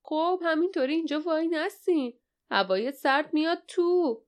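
A woman voicing a small, wiry, boisterous man who teases and calls out loudly in an audiobook. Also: on the high side, expressive, clear, resonant tone, close to an everyday voice. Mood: teasing. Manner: teasing, loud and gleeful. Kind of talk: audiobook character voice.

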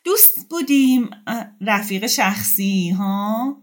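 A woman voicing a tearful young woman who pleads in a high, shaky voice. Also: lively intonation, close to an everyday voice. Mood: tearful, pleading.

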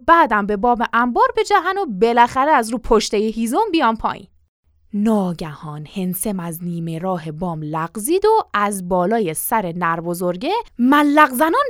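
A woman narrating a story in an expressive, animated reading style, recorded on a close studio mic. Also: on the high side, no echo.

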